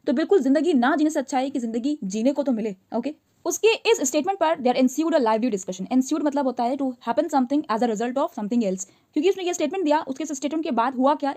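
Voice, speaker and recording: A woman teacher with a high, light voice walks her listeners through a story one line at a time. She reads each English phrase slowly and carefully. Then she explains it in quick, chatty Hindi, firing questions at her listeners. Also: animated, mellow.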